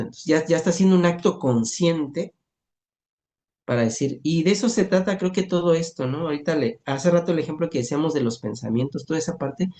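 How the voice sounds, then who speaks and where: School counselor, calm and unhurried, mellow dark voice, keeps tossing in little questions. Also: medium pitch. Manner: soft-spoken, unhurried, tags sentences with questions. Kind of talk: calm explanatory talk and storytelling.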